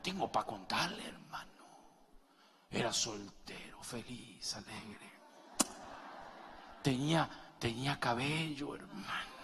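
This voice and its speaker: Middle-aged pastor preaching in a reverberant hall. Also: male voice, mid-range voice, lively intonation, takes it slowly, pauses often, bright, forceful tone, a little hiss or hum. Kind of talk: sermon. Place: church hall. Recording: long reverb of a large hall.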